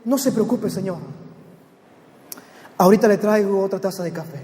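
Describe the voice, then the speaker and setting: A man's voice: high voice, normal speed, dark tone, voice pushed down, natural voice. A man voicing a courteous restaurant waiter who speaks formally. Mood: polite. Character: polite, patient restaurant waiter. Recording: long hall reverb.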